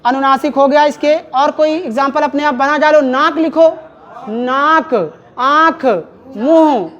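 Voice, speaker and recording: A woman's voice: high voice, steady tone, a little slow, dull audio. A woman teacher giving a Hindi grammar lecture in a classroom, repeatedly quizzing her students and having them call back answers.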